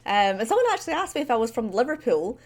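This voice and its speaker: Speaking very fast with big pitch swings, this Scottish woman has a voice on the high side and a little mellow, with a central belt accent. She streams casually from her home desk while drawing, rambling into a desk microphone with many fillers and laughs as faint music plays in the background.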